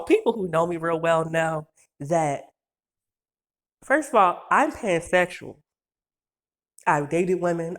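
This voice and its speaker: A woman in her twenties ranting through a casual storytime video, cursing freely, rambling, and laughing often. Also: lowish voice. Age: 20s. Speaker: vlogger.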